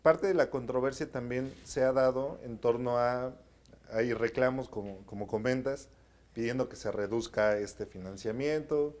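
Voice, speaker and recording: A man's voice: mid-range voice, normal speed, darkish tone. A man hosting an interview, introducing a guest formally and asking questions with some hesitation. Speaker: interview host.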